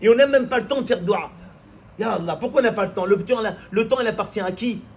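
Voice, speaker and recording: A man's voice: high-pitched, fast talker, slight background noise. A man preaching a sermon. He builds on repetition and rhetorical questions and acts out little everyday scenes as he goes.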